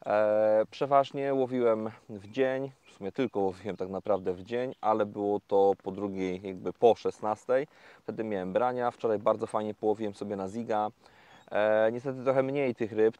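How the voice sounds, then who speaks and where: A man talking casually to viewers in a fishing vlog, explaining each step in a relaxed, chatty way with many fillers, recorded outdoors by a lake. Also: fairly low pitch, normal speed, smooth, dry recording, lo-fi sound. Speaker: carp fishing vlogger.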